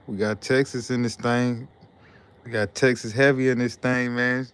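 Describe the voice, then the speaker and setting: Hosting a relaxed live stream, a young man from Detroit, USA reads viewer comments aloud, rambling repetitively at a moderate pace. His tone is smooth and clean, holding fairly flat and steady in pitch.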